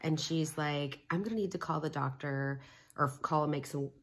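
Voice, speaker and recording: A woman's voice: sits low, normal speed. A young woman co-hosting a home vlog, telling stories with many fillers while she is sick with a cough. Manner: chatty storyteller, many fillers. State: sick with a cough, short of breath. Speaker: vlog co-host. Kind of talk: casual chat.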